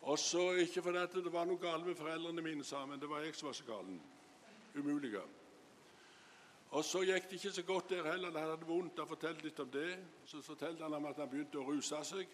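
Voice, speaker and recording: A man's voice: on the high side, a bit bright. A man preaching a sermon, retelling another man's story with frequent asides about what he said. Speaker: lay preacher. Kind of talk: sermon testimony. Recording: hall reverb, faint room noise.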